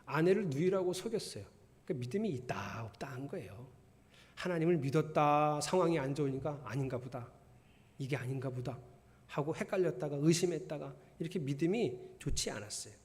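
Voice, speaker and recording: A man's voice: a little high, expressive, brisk, darkish tone. A man preaching a sermon as pastor, in a conversational way, acting out the voices he quotes. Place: church sanctuary. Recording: church hall with long reverb.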